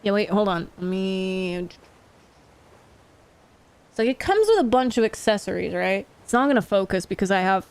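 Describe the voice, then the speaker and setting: A woman's voice: mid-range voice, animated, normal speed, pauses often, clean tone. A woman streamer chatting casually with her viewers while gaming, giggling and swearing freely. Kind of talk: casual live-stream chat.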